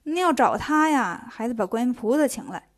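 A woman's voice: fairly high pitch, animated, brisk. A woman voicing timid male earth spirits who talk in a fawning, placating way. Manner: obsequious, placating.

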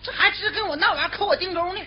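A woman's voice: extremely high pitch, racing. A woman playing a brash young brother-in-law in a comic stage duet, with a Northeastern Chinese accent and teasing, boisterous banter. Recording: slightly dull recording with faint noise.

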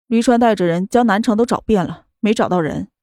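A woman's voice: medium pitch, a little fast, no room sound, clean studio sound, close to an everyday voice. A woman voicing a cold, aloof young man. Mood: calm. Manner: flat, cold and dismissive.

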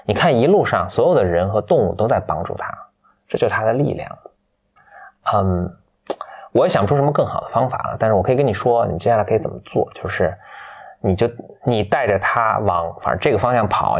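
A man's voice: fairly low pitch, expressive, brisk, husky. A man voicing a wise, kindly old woman in a storybook retelling, reflective and slightly resigned.

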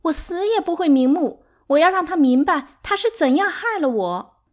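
A woman's voice: extremely high pitch, expressive, normal speed, voice pushed up. A woman voicing a hysterical, sobbing concubine who screams her lines in an audiobook. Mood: shrill furious.

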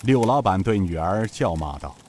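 A man narrating a serialized novel as an expressive, measured storyteller. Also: deep voice, a little hiss or hum.

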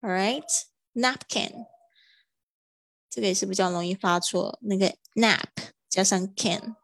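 A woman teaching English vocabulary in a livestream, drawing out model words slowly between quick explanations. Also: mid-range voice, fairly even intonation, vocal fry, a bit bright, no room sound.

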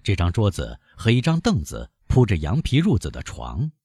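A man narrating a novel as an audiobook, with an expressive storytelling delivery. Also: on the low side, moderate pace, husky, no room sound, studio quality.

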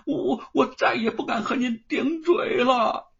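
A poor country laborer speaks haltingly and humbly , played by a male storyteller. The voice is high and rough, with a muffled, lo-fi sound. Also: a bit bright, exaggerated voice. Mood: pleading. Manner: stammering, pleading. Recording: dull lo-fi recording.

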